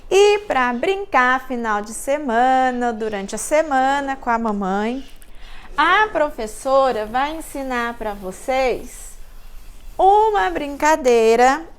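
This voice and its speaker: A woman teacher speaks to young children in a high, bright-pitched voice. She takes her time, drawing words out syllable by syllable in a gentle sing-song. It is a patient classroom recap for little ones. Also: animated, slow, smooth.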